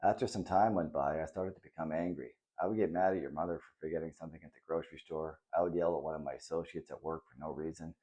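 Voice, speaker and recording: Gentle storybook dad, soft and reassuring, man reading him with a deep warm voice. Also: steady tone, fast, few pauses. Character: kind, patient middle-aged father.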